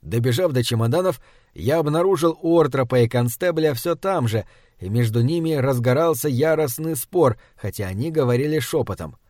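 A man giving steady, measured first-person audiobook narration. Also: mid-range voice, no room sound, clean studio sound.

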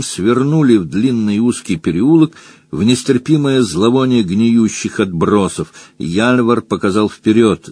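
A man's voice: lowish voice, a little mellow, slightly rough, dry recording. A man reading an audiobook expressively, switching into voices for the characters. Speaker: narrator.

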